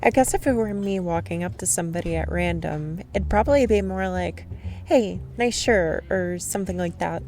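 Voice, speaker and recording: In this lightly acted ASMR roleplay, a woman with a lowish, darkish voice plays a shy, nervous young stranger at a cafe. She speaks at a normal speed, rambling, self-conscious and overthinking as she second-guesses herself, with faint music in the background.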